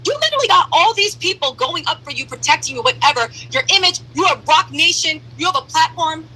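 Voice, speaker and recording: A woman's live-stream commentary played back sped up, so she sounds like a chipmunk, blunt and joking with quick asides. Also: animated, bright, forceful tone, low-quality recording. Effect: sped-up playback, chipmunk-like high voice.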